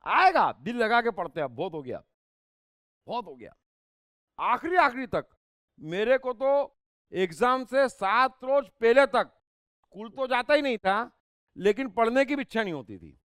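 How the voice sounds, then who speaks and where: A man, a spiritual speaker and life coach, gives an emphatic discourse full of rhetorical questions and sharp asides. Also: very high-pitched, very animated, unhurried, clean tone, no room sound, studio quality.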